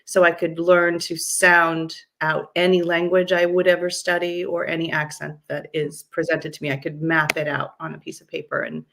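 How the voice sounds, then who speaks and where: A woman's voice: low voice, little pitch movement, normal speed, gravelly, few pauses, a bit bright. A middle-aged woman who works as a voice and dialect coach, answering interview questions in an enthusiastic, articulate and explanatory way.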